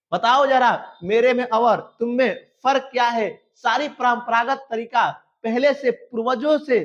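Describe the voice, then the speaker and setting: A man with a Bihari accent teaching a class, reading English verse slowly and then explaining it line by line. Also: very high-pitched, fairly bright tone, highs cut off. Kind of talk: Hindi lecture explaining an English poem.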